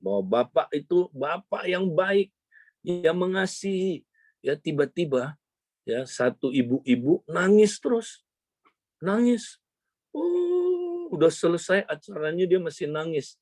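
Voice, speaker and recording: A male pastor telling a story in a sermon, his voice leaping up on exclamations and dropping low when he turns to the congregation. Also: animated, unhurried, darkish tone, no room sound. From Indonesia.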